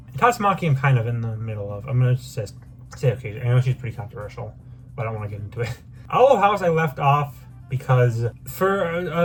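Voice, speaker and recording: Excitable man ranking characters, lively pitch. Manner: animated, excitable, jumps to high-pitched outbursts and laughs. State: strained voice. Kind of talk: casual tier-list commentary.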